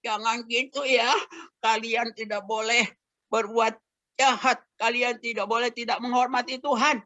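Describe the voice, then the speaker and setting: A man's voice: very high voice, level tone, unhurried, sharp tone, no room sound, voice pushed up, full character voice. A man voicing a sorrowful old priest who pleads with his wayward sons. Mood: pleading sadly.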